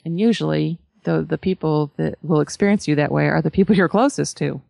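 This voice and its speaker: Low creaky woman giving a spiritual talk. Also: mellow, dry recording. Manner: emphatic, with frequent pauses and tag questions. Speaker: spiritual teacher. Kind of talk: spiritual talk to followers, conversational.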